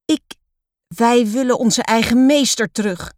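A woman's voice: on the high side, measured pace, darkish tone, no echo, clean studio sound, pitched above the performer's own voice, natural voice. A woman voicing a young schoolgirl in a storybook, timid but brave, speaking earnestly with a trembling voice.

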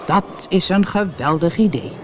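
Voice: medium pitch, lively intonation, unhurried, slight background noise, close to an everyday voice. A storybook reader voicing a bossy, blustering grown male pirate captain who roars his orders, with faint background ambience. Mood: gleeful. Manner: roaring, bossy.

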